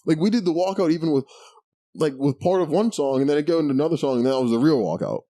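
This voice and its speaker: A man's voice: a little high, expressive, quick pace, warm tone, no echo, clean studio sound. A man co-hosting a podcast, chatting casually with profanity, sarcasm and frequent laughter. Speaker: podcast co-host. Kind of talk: casual chat.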